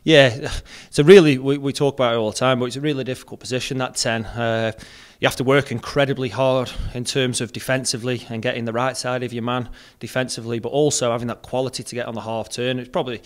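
Smooth-voiced young football captain. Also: male voice, medium pitch, little pitch movement. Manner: plain, measured, repeats words while thinking. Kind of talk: post-match interview. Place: indoors in front of a sponsor backdrop. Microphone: handheld mic held close.

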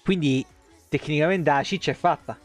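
Fairly high-pitched and moderately paced, this thirty-something Roman streamer chats over faint music from a small home room. Close to his desk microphone, he keeps up profane, rambling, expressive livestream commentary.

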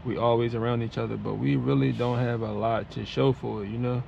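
A man's voice: medium pitch, steady tone, fairly quick, creaky, darkish tone, highs cut off. A man who drives a truck, talking to his vlog camera from the cab in a laid-back, slangy, chatty way. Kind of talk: casual vlog talk to camera. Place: inside a truck cab at a warehouse. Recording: noisy truck cab ambience.

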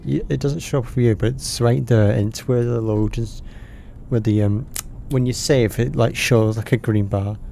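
A man's voice: medium pitch, steady tone, normal speed, creaky, a little hiss or hum. A man casually commentating while playing a horror game, rambling and easily startled. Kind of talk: casual let's-play commentary. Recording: game music loud behind him.

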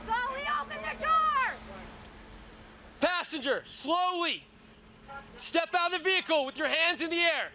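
A man working as a sheriff's deputy, shouting firm, clipped commands over a police car loudspeaker with a siren. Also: extremely high pitch, very animated, a little slow, pauses often, crowd noise, background noise. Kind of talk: shouting commands at a felony traffic stop.

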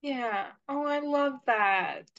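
A woman interviewer with a high voice, speaking very slowly. She answers with short encouraging affirmations before her next question. The sound is dull and lo-fi. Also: fairly bright tone. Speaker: interview host. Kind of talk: casual interview conversation.

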